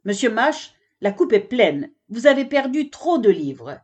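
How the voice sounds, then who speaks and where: A woman's voice: mid-range voice, lively intonation, a little slow, darkish tone, lightly acted. A woman voicing a strict, exasperated female giraffe librarian in a children's storybook. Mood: stern. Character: stern proper giraffe librarian, female adult.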